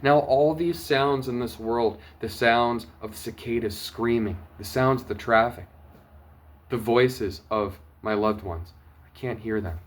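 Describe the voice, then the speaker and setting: A man sharing a personal testimony, earnest and emotional, going from urgent bursts to hushed quiet. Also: medium pitch, measured pace. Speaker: testimony vlogger.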